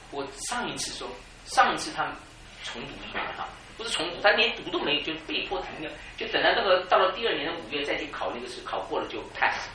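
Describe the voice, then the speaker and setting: Brief: preacher in his fifties, lively pitch, echoey hall from far off. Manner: animated storytelling, laughing at his own jokes. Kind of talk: sermon. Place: church hall. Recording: echoey church hall, mic far off, noisy.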